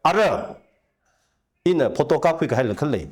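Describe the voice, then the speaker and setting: A man speaking at length as a talk show guest, giving long animated explanations with rising emphasis. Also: a little high, a little fast. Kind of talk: conversational discussion.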